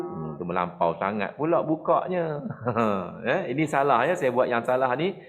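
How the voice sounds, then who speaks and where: A middle-aged man with a Malaysian Malay accent teaching Quran recitation to mosque officials. He asks and answers his own questions and demonstrates each sound. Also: mid-range voice. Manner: explains slowly, then demonstrates recitation in drawn-out chant. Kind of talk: tajwid lesson for mosque officials.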